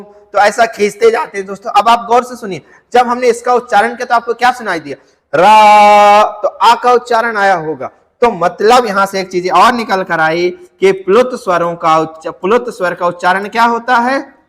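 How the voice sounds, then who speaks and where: A man's voice: high-pitched, fairly bright tone, long reverb tail. A male teacher giving an exam-prep lecture, who poses questions, answers them himself, and stretches words out to demonstrate.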